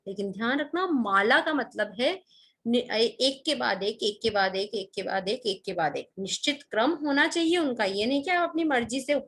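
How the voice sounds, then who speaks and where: Higher-pitched teacher woman, patient and repetitive. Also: a bit bright, slightly rough. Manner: patient, repeats key points and asks the class questions. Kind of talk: classroom-style Hindi grammar lesson for children.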